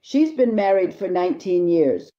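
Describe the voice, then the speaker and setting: A woman's voice: lowish voice, animated, moderate pace, mellow, muffled recording. A woman marriage therapist answering viewer questions, giving blunt, emphatic advice and speaking straight to the listener.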